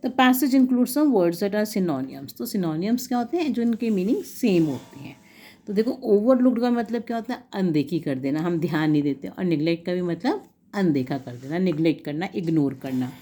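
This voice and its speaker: A woman, teaching a class through a homework sheet, explaining in Hindi and reading English lines slowly. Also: fairly low pitch, expressive, mellow. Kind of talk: homework walkthrough lesson.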